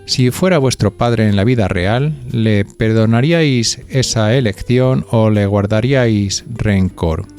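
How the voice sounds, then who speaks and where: Over music, this Spanish podcast host from Spain delivers scripted narration and poses conversational questions to his audience. He has a lowish voice and speaks at a measured pace with hardly any pauses.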